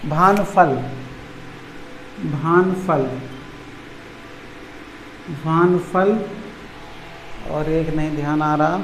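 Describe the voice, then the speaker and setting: धीमे-धीमे शब्द दोहराता हुआ शिक्षक, गूंजता कमरा. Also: male voice, fairly high pitch, steady tone. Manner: slow, repeats each word for note-taking. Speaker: teacher. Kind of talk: dictating exam vocabulary lesson. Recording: echoey room, faint background noise.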